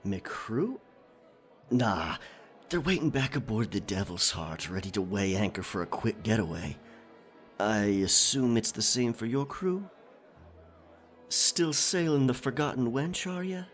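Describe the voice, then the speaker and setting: A man's voice: medium pitch, expressive, faint music behind, close to an everyday voice. A man playing a roguish, flirtatious, cocky pirate captain in a theatrical, teasing audio roleplay. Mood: smug, coaxing. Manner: teasing, theatrical, drawn-out delivery with chuckles. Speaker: voice actor. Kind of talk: romantic roleplay ASMR acting.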